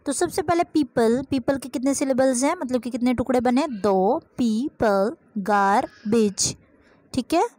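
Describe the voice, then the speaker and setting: A woman teaching a grammar lesson, explaining step by step and slowly dictating example sentences. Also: high voice, dark tone, dry recording.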